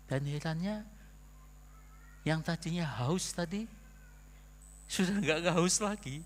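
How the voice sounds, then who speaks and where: A man's voice: fairly high pitch, takes it slowly. An older man with a Javanese accent, a pastor telling a story in a chatty, rambling sermon that keeps trailing off on fillers. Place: church hall. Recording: long church hall reverb.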